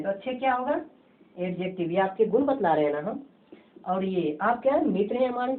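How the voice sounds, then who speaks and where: A woman teaching a grammar lesson, who keeps asking questions and answering them herself in a repetitive, drilling way. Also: medium pitch. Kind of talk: home-tuition grammar lesson. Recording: tinny phone-like lo-fi audio.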